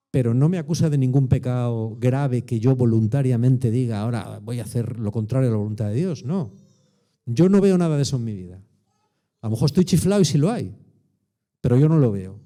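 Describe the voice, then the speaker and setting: Man, 60s, Spanish accent, sermon, very dark warm tone, colloquial, emphatic. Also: medium pitch. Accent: Spain Spanish. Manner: colloquial, emphatic, peppered with rhetorical tags. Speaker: preacher.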